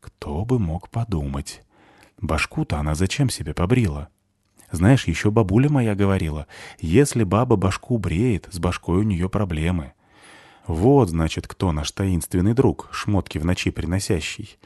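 Man voicing a gruff, mocking ex-soldier. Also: low voice, expressive, moderate pace, darkish tone, no room sound. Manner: dry, mocking, rough-spoken. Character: gruff sardonic man, ex-soldier, caring for a boy. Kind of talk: audiobook character reading.

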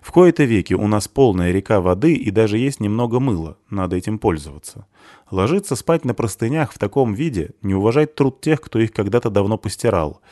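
A man voicing a gruff, sardonic ex-soldier who talks rough and dry while looking after a boy. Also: fairly low pitch, lively intonation, a little fast, warm tone, dry recording, lightly acted. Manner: dry, mocking, rough-spoken. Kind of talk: audiobook character reading.

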